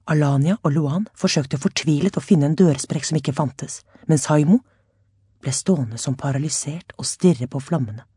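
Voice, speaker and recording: A woman narrating a chapter of a story with a steady, dramatic reading. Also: deep voice, slightly rough, no echo, studio quality. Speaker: audiobook narrator.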